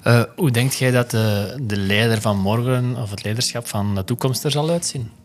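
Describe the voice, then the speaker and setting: A man's voice: medium pitch, moderate pace, soft background music. A man hosting a podcast, asking hesitant questions and giving short agreeing replies. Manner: brief backchannels and hesitant questions. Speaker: podcast host. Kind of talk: interview conversation.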